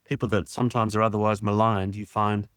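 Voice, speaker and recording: A man, a charity president answering interview questions in a measured, earnest way. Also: fairly low pitch, flat delivery, a bit bright, dry recording.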